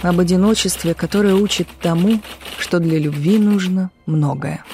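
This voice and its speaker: A woman's voice: moderate pace, a little mellow. A woman narrating an audiobook, voicing the characters' lines in turn. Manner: reads all parts, lifts pitch for crying women. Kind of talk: scripted narration.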